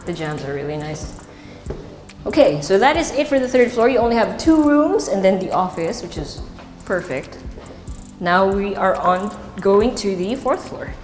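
Here a Filipino-accented woman with a medium-pitched, slightly mellow voice leads a relaxed walking tour of a property. She speaks at a moderate pace with expressive delivery, unscripted and chatty, mixing in Tagalog asides. She's recorded on a wireless body mic with the pack at her waist in empty rooms and a stairwell indoors, where the bare walls echo over music playing underneath.

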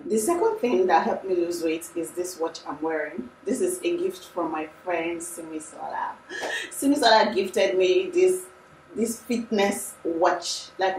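A woman's voice: on the low side, reverberant, distant mic, a little hiss or hum, low-quality recording. A young Nigerian woman talking casually and emphatically to camera in a room, as a lifestyle vlogger. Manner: chatty, animated, emphatic. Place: room indoors.

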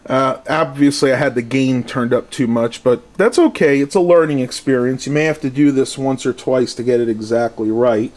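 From a small furnished room at home, a man gives a relaxed hands-on tech demonstration and review, talking into the built-in mic of the handheld camera he's holding. He's a product reviewer with a mid-range, darkish voice.

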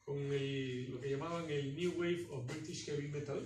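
A man's voice: on the high side, fairly even intonation, normal speed, a little mellow, faint music behind. A man in his fifties, born in Spain, introducing a guest to a class in a rambling, conversational way. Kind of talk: casual classroom talk. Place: university classroom. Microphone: far camera phone. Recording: echoey classroom from far off.

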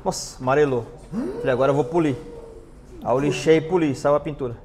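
A man's voice: a little high, fast talker, background noise. A Brazilian man in his forties with a lapel mic, teaching a hands-on dent repair class in a large workshop, explaining and pointing at a car. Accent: Brazilian Portuguese. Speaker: paintless dent repair instructor.

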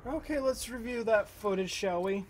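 A man's voice: high voice, moderate pace, slight background noise. A young man giving casual horror game commentary, muttering swearing reactions. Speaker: gaming streamer.

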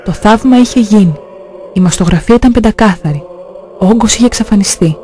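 A man slowly and solemnly reading out religious testimonies. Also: high-pitched, mellow, faint music behind.

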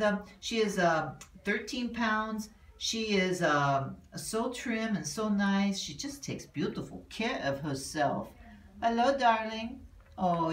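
A woman's voice: mid-range voice, lightly acted. A woman voicing a flamboyant praying mantis reporter who promotes pet adoption in a theatrical, cooing, affected way at an animal shelter. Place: animal shelter cat room. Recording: roomy, mic at a distance.

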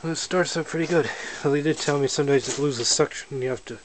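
Filming with a handheld camera he holds himself, a man shows off his snowmobile indoors in a garage or shed with windows. He narrates the walkaround casually, relaxed and matter-of-fact, in a fairly high voice and at a fast clip. The camera audio is noisy.

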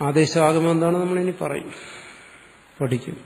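A man's voice: a little high, steady tone, a little slow, creaky, a little mellow, big-room sound. A man with a Malayali accent teaching grammar, explaining step by step and putting questions to the class. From Kerala, India. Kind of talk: classroom lecture.

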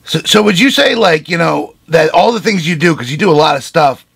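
A man hosting an interview, asking questions slowly and casually. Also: on the high side, lively intonation, vocal fry, a bit bright, slightly rough. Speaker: interview host.

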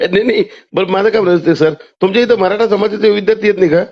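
High-voiced man from Sambhajinagar, pushy caller, heard down a dull landline. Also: quick pace. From Chhatrapati Sambhajinagar, India. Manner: pushy, keeps cutting in. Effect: over a landline phone. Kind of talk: heated phone call. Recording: muffled phone line.

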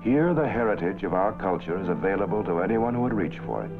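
A man with a lowish, lively voice gives formal, measured old newsreel narration. His voice comes through a thin, tinny 1940s film soundtrack, with an orchestral score playing clearly behind him. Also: over music. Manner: formal, measured announcer delivery.

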